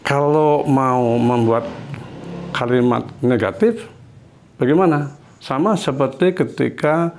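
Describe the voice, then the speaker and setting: A man teaching a Spanish lesson in a classroom. He explains slowly and patiently and repeats each example. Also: medium pitch, a little mellow.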